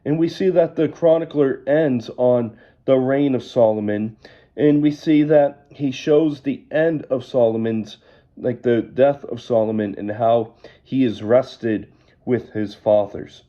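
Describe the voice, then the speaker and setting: A man with a deeply mellow, very dark voice teaches an evening Bible study, reading scripture aloud before explaining it in a measured way. His voice is strained, as if he is losing it. The recording sounds dull and lo-fi.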